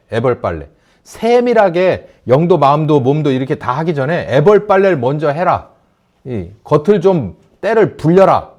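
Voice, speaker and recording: A male pastor delivering a sermon, his voice sitting a little high and swinging widely in pitch. He asks the congregation questions as he goes and acts out shouted quotes with force.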